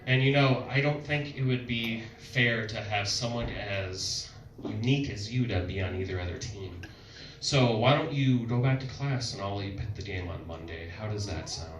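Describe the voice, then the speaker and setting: A young man performing a stand-up comedy set, telling stories in a loud, playful way with sudden tic outbursts. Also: on the low side, normal speed. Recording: echoey club, mic heard from a distance, noisy crowd.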